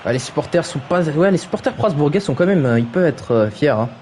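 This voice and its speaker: A man's voice: a little high, lively intonation, fast talker, darkish tone, slight background noise. A man commentating a video game football match on a stream, teasing players and reading chat with playful exclamations. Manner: jokey, mocks players' names, reads chat aloud, exclaims "aïe aïe". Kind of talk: playful live play-by-play commentary. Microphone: streaming microphone.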